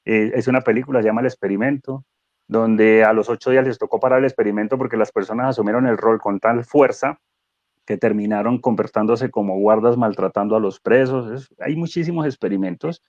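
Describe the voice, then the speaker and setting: A man speaking as a guest neuro-coach in a conversational webinar, animated and explanatory, asking rhetorical questions. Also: fairly low pitch, a little fast, dry recording, lo-fi sound.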